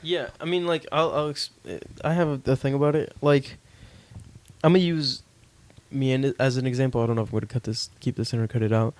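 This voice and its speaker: A man's voice: medium pitch, steady tone, fairly quick, a little mellow, no room sound. A young man hosting a casual podcast chat, thinking aloud with lots of fillers and restarts. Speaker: podcast host.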